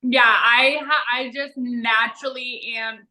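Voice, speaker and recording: A woman's voice: a little high, fairly even intonation, takes it slowly, pushed and bright. A young woman in a casual Q&A chat with a friend, speaking informally with slang and lots of "like". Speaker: vlog co-host.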